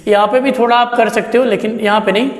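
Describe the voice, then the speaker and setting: A man with a high voice teaches a math lesson and walks through every step. He asks his own questions and answers them in a friendly, chatty tone. The room is echoey, with a long reverb trailing his words. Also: steady tone, fast. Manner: chatty and encouraging. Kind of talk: classroom lesson.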